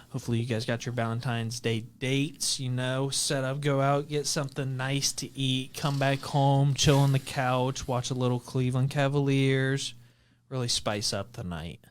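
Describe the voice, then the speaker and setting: A man's voice: medium pitch, steady tone, normal speed, a little hiss or hum. A man co-hosting a basketball podcast, running through upcoming games in a casual, filler-heavy chat. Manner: runs through game schedules with fillers. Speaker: podcast co-host.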